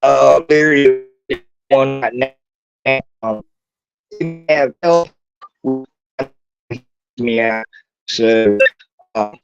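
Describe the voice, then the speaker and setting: Guy on a crackly call line that keeps cutting out, slow halting talk, muffled lo-fi sound. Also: mid-range voice, vocal fry, soft background music. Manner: halting, restarts often. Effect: crackly call line that cuts in and out. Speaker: guest on a call-in livestream. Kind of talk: casual chat.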